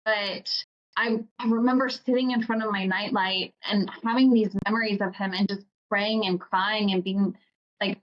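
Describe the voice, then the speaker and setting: A woman's voice: mid-range voice, steady tone. Earnest woman host, lo-fi audio. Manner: earnest, halting with restarts and fillers. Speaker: podcast host. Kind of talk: casual interview chat.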